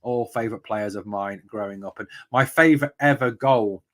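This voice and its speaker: A man's voice: fairly low pitch, normal speed, fairly bright tone. An English man in his forties from the northeast, hosting a live football podcast from home in a chatty, rambling way full of fillers and tangents. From northeast England. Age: 40s. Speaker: podcast host. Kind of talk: live-stream football chat. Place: room at home.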